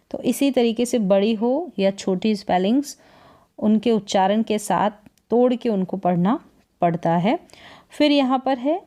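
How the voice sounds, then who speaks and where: A woman's voice: medium pitch, dark tone. A woman teaching English reading in Hindi, breaking words into syllables and repeating each sound with quiz-like questions. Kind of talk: spelling and pronunciation lesson.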